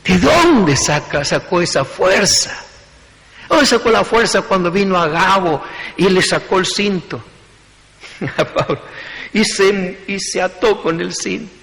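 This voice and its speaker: A male pastor delivers a sermon in short, stacked phrases that keep rising in emphasis. His voice sits slightly high for a man. It carries a long reverb from a church hall. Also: expressive, a little slow, vocal fry, a bit bright.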